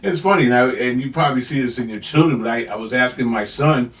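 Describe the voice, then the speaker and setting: A man's voice: mid-range voice, fast. Brief: older man, podcast co-host, reflective storyteller, sits back from the mic in a roomy space. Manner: reflective storytelling with many "you know"s. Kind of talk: casual chat. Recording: echoey room, mic at a distance.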